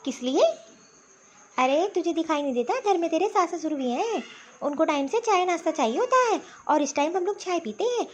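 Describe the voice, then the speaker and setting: A woman's voice: very high-pitched, lively intonation, fairly quick, slight background noise. A woman voicing a bossy, taunting middle-aged mother-in-law in a cartoon story. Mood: scolding. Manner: scolding, taunting.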